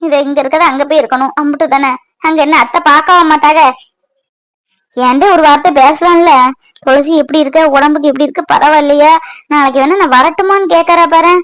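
A brooding young cartoon mother, voiced by a woman, pours out her hurt in a very high, sorrowful voice. She talks to herself in a self-pitying way. The sound is dry and close. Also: steady tone, fairly quick, a bit bright, dry recording, poor audio. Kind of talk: cartoon voice acting.

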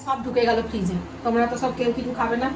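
A woman's voice: a little high, level tone, quick pace. An older woman chatting about home and food in a talkative, homely way. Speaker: family member. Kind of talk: casual chat. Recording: distant roomy recording, loud music.

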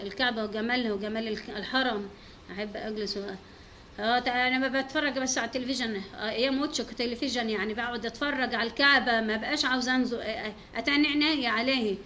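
A woman's voice: a little high, fairly bright tone, slight background noise. An Egyptian woman giving an informal religious talk as a teacher, devout and full of pious exclamations.

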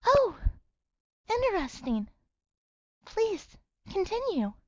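A woman's voice: extremely high pitch, big pitch swings, slow, dry recording, dull audio, exaggerated voice. A woman playing a curious, polite young listener in an amateur radio play.

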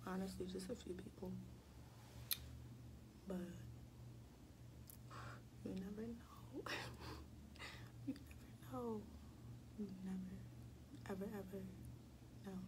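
Young woman, casual vlog chat, soft whispers, noisy phone recording. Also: mid-range voice, fairly even intonation, slow pace, pauses often. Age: young adult. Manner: chatty, slips into soft whispers. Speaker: vlogger. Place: small dorm room indoors.

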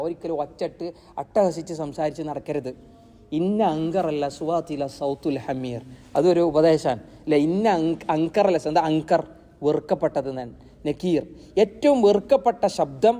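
Dark-voiced preacher man. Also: fairly high pitch. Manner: asks rhetorical questions and answers them himself; recites Arabic verses slowly. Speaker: Quran teacher. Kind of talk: Quran lesson sermon.

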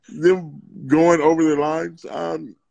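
A man who is a podcast guest, telling stories in casual chat and acting out quotes in high voices. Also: flat delivery, very slow, gravelly, darkish tone.

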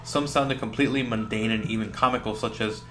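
A man's voice: fairly low pitch, steady tone, fairly quick, fairly bright tone, slight background noise. A man narrating a scripted creepy story about a video game as a video host.

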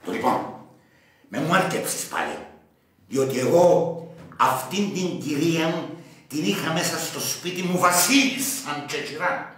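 An actor with a Cypriot accent playing a boastful, wealthy husband who rants indignantly. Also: male voice, a little high, animated, long pauses, a bit bright, distant mic. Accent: Cypriot Greek. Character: pompous wealthy middle-aged husband, self-righteous. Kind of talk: sitcom acting. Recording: echoey room from afar, faint noise.

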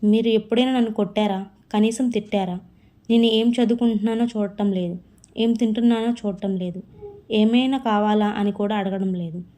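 A woman's voice: medium pitch, fairly even intonation, normal speed, dark tone, lightly acted. Woman reading an earnest grieving little girl. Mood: upset. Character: young girl grieving her mother, earnest. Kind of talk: storybook reading.

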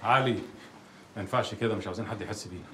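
A man with an Egyptian accent playing a calm, shrewd police officer who speaks in a measured, soothing way. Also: lowish voice, crowd noise, lightly acted. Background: music score.

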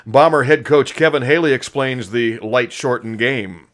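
Guy reading a local sports news story, medium pitch, reporter narration. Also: unhurried, a bit bright, a little hiss or hum.

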